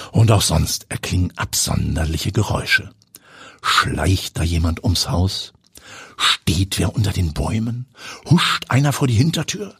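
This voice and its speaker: A man with a low, very breathy and husky voice narrates a story with suspense, now and then sinking to a whisper. His melody moves a lot. The sound is close and dry, with no room echo. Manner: suspenseful, sometimes dropping to a whisper. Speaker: audiobook narrator. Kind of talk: scripted narration.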